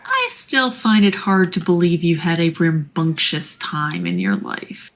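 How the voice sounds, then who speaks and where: A woman's voice: lowish voice, huge pitch swings, a little slow. A woman playing a tabletop game, chatting casually in a teasing, wry way. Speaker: player.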